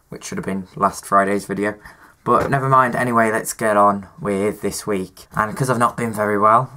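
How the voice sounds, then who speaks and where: A man's voice: on the low side, bright, forceful tone. A young man, sick with a cough and sore throat, chatting casually to camera in a rambling, self-mocking way. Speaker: vlogger. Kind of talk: casual vlog chat.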